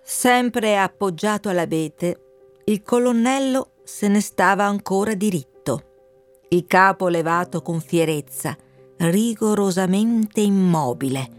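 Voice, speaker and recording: Measured woman storybook narrator. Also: medium pitch, faint music behind. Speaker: audiobook narrator.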